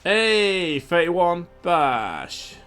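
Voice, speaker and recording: A man's voice: sits high, sing-song, drawn-out words, a bit bright, smooth, faint music behind. A young man streaming a game, chatting casually and animatedly, swearing freely. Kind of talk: casual gaming chat.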